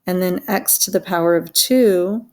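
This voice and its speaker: A woman's voice: lowish voice, measured pace, darkish tone. A woman teaching a math lesson, chatty and self-deprecating, laughing at her own slips as she works through examples. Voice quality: creaky. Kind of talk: recorded worksheet walkthrough lesson.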